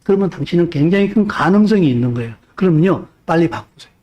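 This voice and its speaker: A male pastor preaching a sermon, pressing the congregation with rhetorical questions and swinging between loud urging and hushed speech. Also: on the high side, expressive, quick pace.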